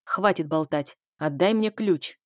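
A woman reading a novel aloud, voicing a scarred male killer who speaks quietly with a hiss, like a snake. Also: fairly low pitch, a little slow, no room sound, studio quality, natural voice. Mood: zealous threatening. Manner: quiet hissing menace. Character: scarred man, cold cruel killer.

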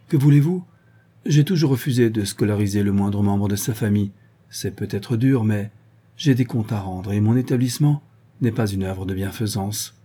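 A man's voice: fairly low pitch, dark tone, breathy edge. A man playing a snappish school director. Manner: snappish and indignant. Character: irritable, defensive male head of a private school.

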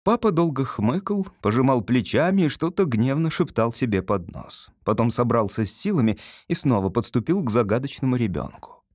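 Sex: man. Style: audiobook reading. Delivery: lively, wide-ranging intonation, expressive. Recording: dry, close-miked. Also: mid-range voice, moderate pace, dry recording. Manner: expressive storytelling. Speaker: narrator.

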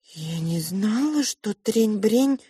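A woman voicing a wise, sorrowful female pink mouse who speaks in a slow, measured, cryptic way. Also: mid-range voice, animated, dark tone, breathy edge, no room sound, studio quality, voice pushed up, exaggerated voice.

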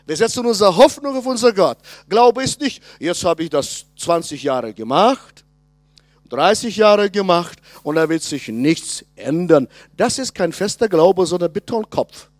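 Casting note: man, sixties, lively high-pitched preacher with dry, close sound, punchy emphasis and hushed asides. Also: measured pace, no room sound. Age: 60s. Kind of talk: conference sermon.

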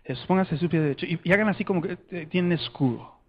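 A man preaching a lively sermon, calling young people up and leading the congregation in shouted chants. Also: sits high, fast talker, lo-fi sound. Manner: energetic, calls people up, builds to shouted chants. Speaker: preacher leading a youth demonstration.

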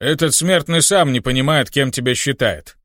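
Man voicing a gruff gloating demon. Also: medium pitch, normal speed, fairly bright tone, dry recording, close to an everyday voice. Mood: grim. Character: ancient gloating male demon, grim and blunt.

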